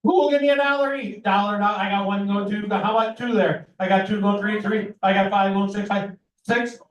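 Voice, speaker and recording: Man, American accent, auctioneer's chant, repeated numbers rattled in rhythm, high-pitched voice, recorded from a distance. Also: fairly even intonation, brisk, highs cut off. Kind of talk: auctioneer's chant, calling bids at a live auction. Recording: echoey room, distant microphone.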